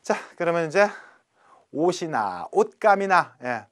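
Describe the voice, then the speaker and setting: A middle-aged man teaching English vocabulary in a recorded lecture, chatty and playful, slowing down to spell out English words. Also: on the high side, sing-song, fairly bright tone.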